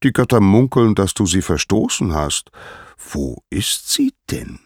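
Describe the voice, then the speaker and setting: A man's voice: lowish voice, animated, normal speed, darkish tone, no echo, studio quality, voice pushed up. A man voicing the sea god Poseidon as a curious, questioning brother. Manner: questioning, wondering.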